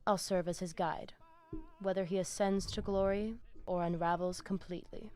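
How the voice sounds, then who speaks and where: An actress voices a proud, zealous female vampire pack leader for a video game, her natural, lowish voice kept level and at normal speed. The dialogue comes out solemn, grandiose, and threatening, full of cold menace, with music playing behind her.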